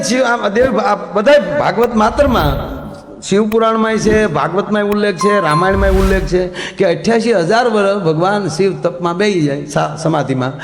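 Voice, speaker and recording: High-voiced storyteller man in echoey hall. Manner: animated, acts out quoted characters, laughs along. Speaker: folk comedy storyteller. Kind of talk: comic storytelling on stage. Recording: echoey hall, long reverb.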